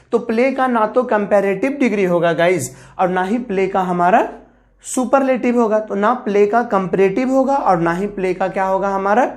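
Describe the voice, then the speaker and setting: A woman's voice: mid-range voice, darkish tone. A woman teaching an English grammar lesson, explaining step by step, repeating key terms, spelling words out letter by letter and calling her viewers guys.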